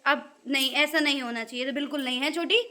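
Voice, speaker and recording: High, bright-voiced young woman vlogging. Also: quick pace. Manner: playfully dramatic, mock-outraged, addresses viewers directly. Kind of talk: casual village vlog narration.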